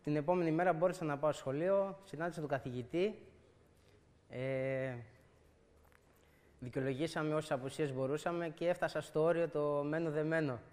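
A man's voice: fairly high pitch, fairly even intonation, a little mellow. Young man giving testimony in reverberant hall. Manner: earnest, retells conversations step by step. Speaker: church member giving testimony. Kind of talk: personal testimony.

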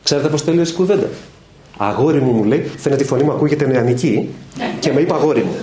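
A man's voice: medium pitch, crowd noise. A middle-aged man preaching at a Bible study, telling stories with quoted dialogue and asking his listeners questions. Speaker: evangelical preacher. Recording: echoey room with faint ambience.

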